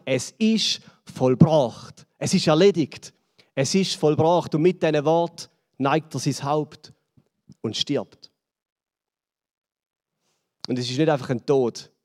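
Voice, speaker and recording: A man with a Swiss German accent preaching a sermon, building dramatically and then dropping to hushed lines. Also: big-room sound. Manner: dramatic, swells and drops in pitch and volume. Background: band playing softly.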